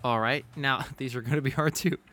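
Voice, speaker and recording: A man's voice: medium pitch, a little fast, sharp tone, a little hiss or hum. A man running a casual quiz among friends, rambling with restarts and frequent laughs. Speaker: quiz host. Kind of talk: casual gaming chat.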